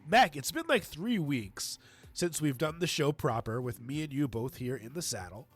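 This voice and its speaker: A man's voice: fairly high pitch, lively intonation, moderate pace, slightly rough. A middle-aged man hosting a podcast in a casual, conversational style. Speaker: podcast host.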